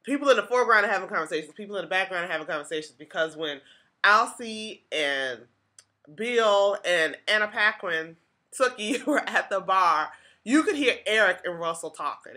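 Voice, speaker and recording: A woman's voice: medium pitch, lively intonation, normal speed, bright, forceful tone. A woman hosting a podcast, talking through a TV episode in a chatty, casual way with lots of "like" and restarts. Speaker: podcast host.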